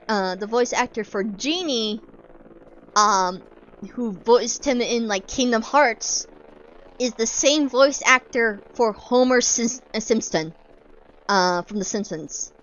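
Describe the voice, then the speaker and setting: A young woman with a squeaky, childlike voice chatting casually while streaming a game, rambling with lots of fillers and restarts. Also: a bit bright, clean tone, no room sound, muffled recording. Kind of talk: casual chat while gaming.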